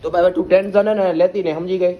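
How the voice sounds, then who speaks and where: A man's voice: high voice, fairly even intonation, quick pace, lo-fi sound. A young man with a Gujarati accent, chatting casually to viewers in a vlog. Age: young adult. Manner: chatty, addresses viewers as guys. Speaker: vlogger.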